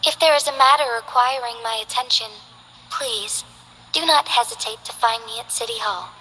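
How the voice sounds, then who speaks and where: A woman voices an earnest, formal young city magistrate for game character lines, her speech polite and carefully measured, with a gracious mood. The voice sits on the high side with a bright, forceful tone, and there's a faint hiss or hum in the low-quality recording.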